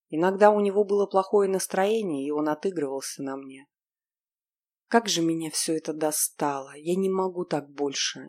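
A woman's voice: on the low side, darkish tone. A woman narrating a first-person story in an emotional, dramatic way.

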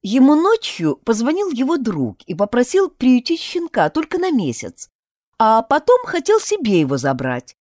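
A woman's voice: a little high, huge pitch swings, normal speed, darkish tone, no room sound, studio quality, voice pushed up. A woman voicing a somber, worried woman in a storybook reading. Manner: somber, reluctant.

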